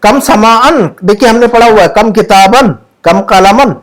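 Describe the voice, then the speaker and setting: A man's voice: high-pitched, a little slow. A man teaching an Arabic grammar class in Urdu from home, patient and repeating his questions to drill his students.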